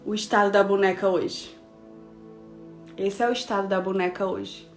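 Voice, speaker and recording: A woman pastor in her thirties preaching a devotional message, telling a personal story with lively, expressive delivery and speaking straight to her listeners. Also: mid-range voice, normal speed, faint music behind. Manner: expressive storytelling, acting out dialogue, addressing listeners directly.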